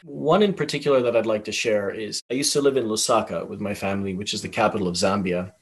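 A man's voice: on the low side, gravelly, husky. Earnest thoughtful man from Tanzania. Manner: earnest, thoughtful, halting restarts. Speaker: podcast guest. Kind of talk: reflective conversation.

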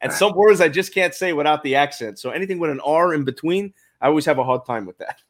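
A man's voice: fairly high pitch, fast. A man with a thick Brooklyn accent, hosting a podcast and chatting casually in a sports interview. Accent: Brooklyn, New York. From Brooklyn, New York. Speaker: podcast host.

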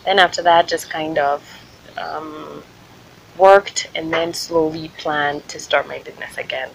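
A woman from Kenya talks casually on her own podcast in an American accent. Her voice sits slightly on the low side. She is informal and conversational, sharing thoughts in a loose, unscripted way. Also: steady tone, unhurried, gravelly, slight background noise, low-quality recording. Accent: American, picked up in Ohio. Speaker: podcast host and small business owner. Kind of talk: casual solo podcast talk.

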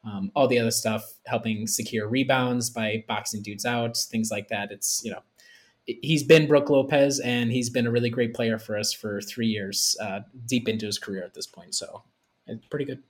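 A man's voice: mid-range voice, steady tone, moderate pace. A man with a mid-range voice talks sport casually on a podcast. He is opinionated and slangy. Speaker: basketball podcast panelist.

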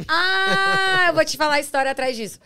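A woman's voice: high voice, fairly quick, very noisy. A woman with a Minas Gerais accent, a guest on a podcast, chatting casually and joking with laughs in her talk. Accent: Minas Gerais Brazilian Portuguese. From Minas Gerais, Brazil. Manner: joking, laughs often while talking.

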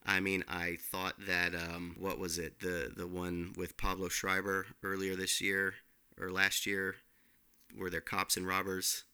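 A man co-hosts a casual film podcast, rambling with fillers and restarts. His voice is bright and crisp, and sits a bit low. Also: completely flat delivery, unhurried. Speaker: podcast co-host, film reviewer. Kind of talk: casual film review chat.

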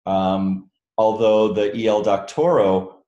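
A man, an author, chatting casually with a book club over a video call, relaxed and quick to laugh. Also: lowish voice, roomy sound, muffled recording. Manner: relaxed, chatty, laughs easily, many fillers.

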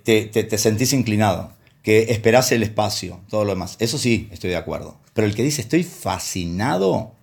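A man's voice: medium pitch, darkish tone. A man preaching a sermon in a conversational way, telling anecdotes from his work as a counselor and acting out the voices he quotes. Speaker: pastor and counselor.

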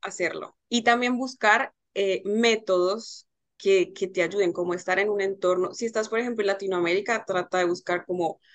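A woman guest in a casual podcast conversation, lively and acting out little exchanges as she tells them. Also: medium pitch, normal speed.

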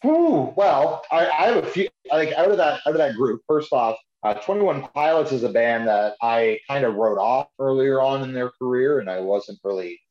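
A man's voice: medium pitch, expressive, normal speed, hardly any pauses, darkish tone. A man co-hosting a podcast, chatting casually about music in an informal, buddy-like way. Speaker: podcast co-host. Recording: dull, echoey room sound.

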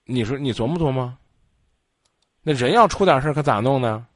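A man's voice: mid-range voice, fairly quick, no echo, studio quality. A man hosting a call-in advice show, talking bluntly and scolding the caller. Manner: blunt, lively, scolding, acts out quotes. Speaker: radio advice show host.

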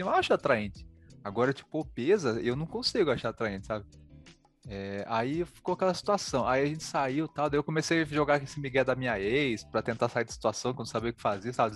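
A man with a Brazilian Portuguese accent, hosting a podcast and telling a story in casual chat, animated and quick, full of fillers. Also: mid-range voice, soft background music. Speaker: podcast host.

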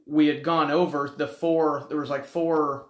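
A man's voice: on the high side, flat delivery, a little slow, reverberant. A man co-hosting a podcast, pushing back with pointed, puzzled questions. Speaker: podcast co-host. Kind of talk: casual podcast discussion.

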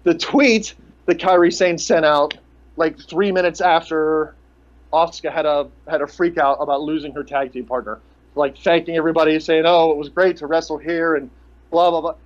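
A man with a fairly high voice co-hosts a podcast, rambling and ranting with sarcastic, foul-mouthed asides. The audio is dull and lo-fi, like a cheap home recording. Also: steady tone, normal speed. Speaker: podcast co-host. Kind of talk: casual rant about pro wrestling.

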